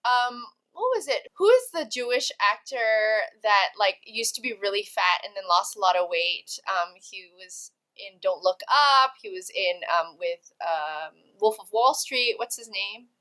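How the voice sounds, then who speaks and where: A woman from Malaysia, a guest in a casual interview over a video call, talking in an animated way and acting out quoted voices. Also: mid-range voice, measured pace, hardly any pauses. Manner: animated, acts out quoted voices, lots of fillers. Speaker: guest, actress and entrepreneur.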